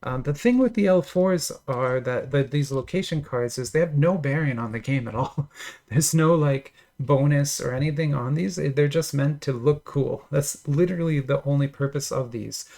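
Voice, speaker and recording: A man's voice: on the high side, moderate pace, creaky, warm tone. A man casually talking through opening trading card packs, enthusiastic and chatty with lots of fillers and little laughs. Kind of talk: casual unboxing commentary.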